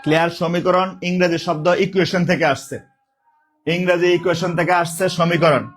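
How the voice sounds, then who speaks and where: A man teaching a live online exam-prep class with a sore throat, speaking softly, repeating questions and calling out students' names. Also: sits high, fairly even intonation, normal speed, faint music behind. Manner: repetitive, calls out student names and drills questions.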